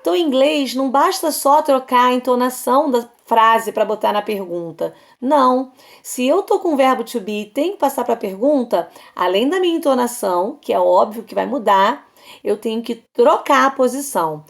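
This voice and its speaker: A woman from Brazil giving an online English lesson, explaining patiently and slowly repeating example sentences for her students. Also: on the high side, lively intonation, gravelly. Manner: addresses students casually as "galera". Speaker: English teacher.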